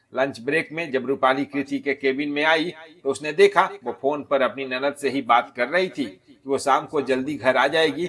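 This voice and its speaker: A man reading a scripted moral story in a calm, measured storytelling manner. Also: medium pitch. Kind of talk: scripted narration.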